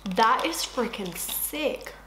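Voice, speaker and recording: A beauty vlogger in her twenties speaks slowly and expressively in a fairly high voice, chatting casually as she eats with her mouth full. The recording carries room echo and faint hiss.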